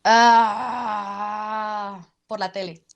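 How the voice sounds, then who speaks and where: A woman's voice: medium pitch, very slow, vocal fry, dull audio. A woman, an actress and drama teacher, answering interview questions and showing her points with her voice. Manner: animated, explains with vocal demonstrations.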